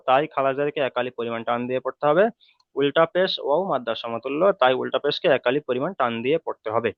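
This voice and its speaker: A man teaching Quran reading in an online class, patiently repeating the rules and sounding out letters slowly. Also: medium pitch, dry recording. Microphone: video call. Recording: tinny phone-like online call audio.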